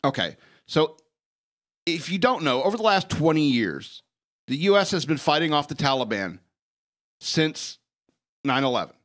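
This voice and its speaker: A man's voice: a little high, very animated, moderate pace, pauses often, fairly bright tone. A man hosting a talk show, delivering a blunt, emphatic, opinionated news rant and repeating phrases for effect.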